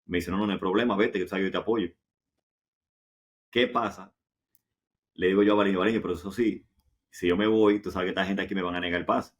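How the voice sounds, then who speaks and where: Low-voiced Dominican man telling stories. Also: fairly even intonation, fast talker, long pauses. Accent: Dominican Caribbean Spanish. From Dominican Republic. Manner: conversational, often asks rhetorical questions and repeats himself. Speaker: interview guest, professional football goalkeeper. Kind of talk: casual anecdotal storytelling.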